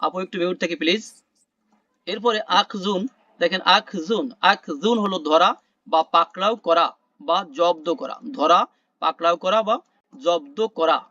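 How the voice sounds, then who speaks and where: A man teaching an online class, explaining word meanings slowly, repeating terms and quizzing the class. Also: high-pitched, bright, forceful tone, no echo, highs cut off. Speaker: Quran vocabulary teacher. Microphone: video call.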